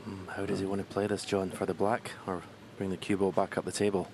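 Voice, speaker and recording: Hushed, low gravelly male snooker commentator. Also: level tone, a little fast, slight background noise. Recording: faint arena crowd behind.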